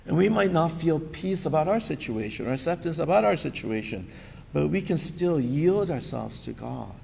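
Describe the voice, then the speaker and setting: Preacher with a gravelly, animated voice. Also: male voice, moderate pace. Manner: earnest, conversational, rhetorical questions. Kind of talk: sermon. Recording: long reverb of a large hall, faint rumble.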